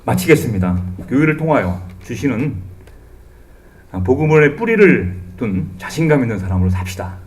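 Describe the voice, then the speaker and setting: A middle-aged man preaching a sermon in church as pastor, animated and humorous, acting out the voices he quotes. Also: medium pitch, moderate pace. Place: church sanctuary.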